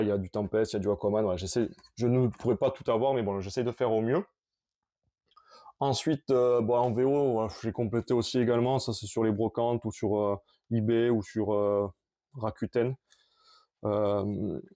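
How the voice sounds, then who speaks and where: Man rambling about his collection, mellow voice. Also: lowish voice. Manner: rambling, halting, with many restarts and fillers. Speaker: collector showing his comics. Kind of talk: casual collection vlog.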